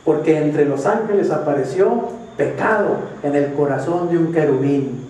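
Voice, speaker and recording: A male pastor preaches emphatically in a church hall, stretching out key phrases in a warm, slightly high voice at a moderate pace. The recording is echoey and distant, with slight background noise.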